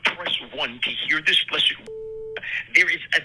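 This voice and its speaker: A man making a scam phone call, out of breath, pushing urgently with a preachy, repetitive pitch. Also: measured pace, sharp tone. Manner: urgent, preachy, repeating commands. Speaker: scam caller. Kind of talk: recorded robocall pitch.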